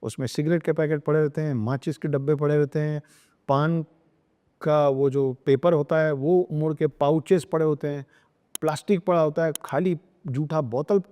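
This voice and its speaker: A man's voice: fairly high pitch, steady tone, moderate pace, dark tone. Emphatic man lecturing in a reverberant room. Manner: emphatic, lecturing, repeats phrases and slips into English. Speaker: podcast guest. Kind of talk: earnest podcast talk on spirituality and parenting.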